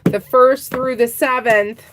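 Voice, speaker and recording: A woman's voice: high-pitched, steady tone, takes it slowly, heavy background noise. A woman giving a casual tarot reading, chatting straight to her viewers and laughing easily. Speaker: tarot reader.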